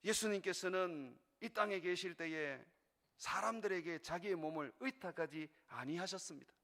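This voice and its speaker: A middle-aged male pastor preaching a sermon in earnest, rising to urgent peaks and dropping to quiet, intimate passages. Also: high voice, moderate pace. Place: church sanctuary. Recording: long reverb of a large church hall.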